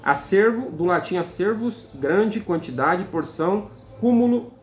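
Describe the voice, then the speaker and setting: A Brazilian man, a teacher, reading dictionary definitions aloud in a measured, list-like way with hesitant "é" fillers. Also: high-pitched, expressive. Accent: Brazilian Portuguese. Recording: echoey room, faint background noise.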